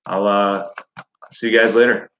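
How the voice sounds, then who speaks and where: A man's voice: on the low side, steady tone, unhurried, fairly bright tone, roomy sound, muffled recording. A man hosting a fishing channel live stream, chatting casually in a rambling, easygoing way with lots of fillers. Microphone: no lapel mic.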